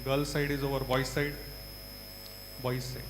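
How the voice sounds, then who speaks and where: A man's medium-pitched, flat voice carries a South Indian accent as he teaches a large class at a measured pace, repeating answers and asking brief prompting questions. Music plays in the background of this interactive lecture, recorded in a large hall that sounds echoey and reverberant, with a faint hum.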